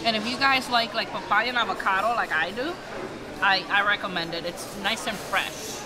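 A young woman food vlogger sits at a table in a busy restaurant dining room, casually reviewing dishes and enthusiastically savoring each bite with lots of "mm" and "so good." Her mid-range voice comes at a moderate pace, captured poorly by a camera across the table amid loud crowd chatter from diners all around.

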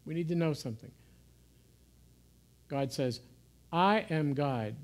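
A man giving an informal sermon in a gentle, conversational way, sometimes dropping to soft, hushed asides. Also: on the high side, expressive, takes it slowly. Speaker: pastor. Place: church.

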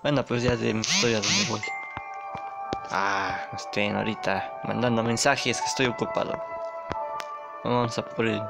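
A man's voice: on the low side, steady tone, unhurried, creaky, long pauses. A man giving playful, boastful gameplay commentary and reading game dialogue aloud. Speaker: gamer. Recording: game music under the voice. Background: game music.

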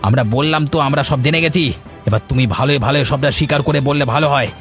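Guy voicing a fiery village fellow in a cartoon, talks fast and dramatic, bit of music behind. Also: a little high, close to an everyday voice. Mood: angry. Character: hot-headed, loyal village man leading his friend. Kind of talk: Bengali cartoon voice acting.

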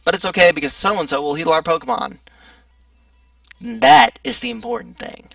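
Gravelly, bright-voiced young gamer. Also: male voice, sits high, animated, normal speed, no echo, recorded from a distance, faint music behind. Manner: joking, sarcastic, chatty asides. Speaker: let's play gamer. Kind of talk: casual gameplay commentary.

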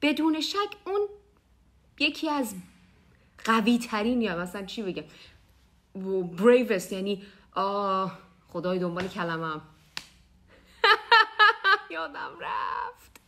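A woman from Iran, a native Persian speaker, teaching English vocabulary in Persian, with cheerful asides and slow, drawn-out English examples. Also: mid-range voice, sing-song, bright, forceful tone. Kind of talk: bilingual vocabulary lesson.

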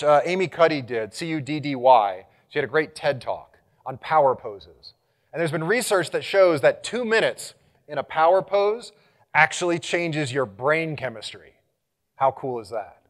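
A man speaking as a conference presenter, energetic and engaging, leading the audience through exercises and getting louder as he rallies the room. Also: a little high. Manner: animated, gets louder when rallying the room. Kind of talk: live conference talk.

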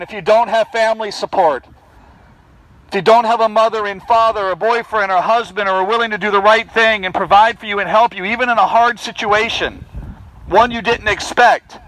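The poor audio catches a street preacher's high, fairly bright voice as he calls out insistently to passersby. He's outdoors by a fence and bushes outside a building, projecting his voice in insistent pleading.

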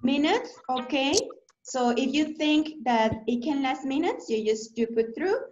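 A woman's voice: high-pitched, unhurried, darkish tone, slight background noise. A woman with a Mexican accent teaching an online English reading class, using simple phrases and repeated check questions. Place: indoor room, on a video call. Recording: muffled, echoey online class audio.

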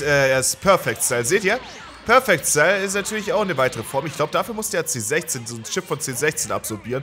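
Excitable, swearing man commentating gameplay. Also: high voice. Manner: excitable, swears and yells at the game. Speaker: let's play gamer.

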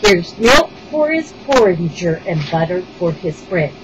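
A woman's voice: lowish voice, very animated, a little slow, a little hiss or hum, rough recording. A woman voicing a sleepy cow in a children's poem, drawling and soothing. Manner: drowsy, then soothing.

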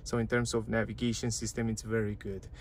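A man's voice: lowish voice, flat delivery, fairly quick, slight background noise. A man casually walking through a car's dashboard and touchscreen menus, chatty and repetitive, in a parked car. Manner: chatty, repeats phrases, non-native grammar. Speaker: car reviewer. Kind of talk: casual walkthrough.

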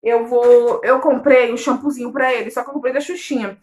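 A woman's voice: on the high side, steady tone, fairly quick, darkish tone. A pregnant young woman vlogging in a casual, affectionate, chatty way, often calling her viewers loves. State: late pregnancy. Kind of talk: casual chat.

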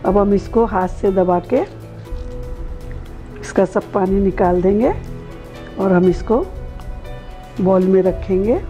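A middle-aged woman hosting a cooking show, calmly explaining each step of a recipe in detail. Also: medium pitch, slow pace, long pauses, soft background music, low-quality recording.

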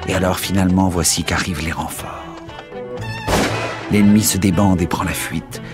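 A man reading a novel aloud as narrator, measured and dramatic. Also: deep voice, steady tone, over music. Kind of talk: audiobook narration.

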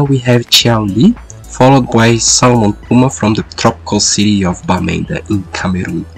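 Male race commentator, lowish pitch, sick and stuffed-up duck voice, qualifying coverage over music. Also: low-quality recording. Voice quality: congested, sick-sounding "duck voice". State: sick with a lingering cold. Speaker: sim racing commentator and host. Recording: music behind the voice. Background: background music.

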